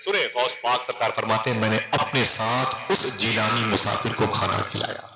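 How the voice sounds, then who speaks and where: A man's voice: fairly low pitch, moderate pace, bright, forceful tone, soft background music. A man from northern India with an Urdu-inflected Hindustani accent, telling a story in a sermon at a large gathering and acting out the dialogue with rising, emphatic lines. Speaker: religious speaker at a gathering. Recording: echoey public-address sound.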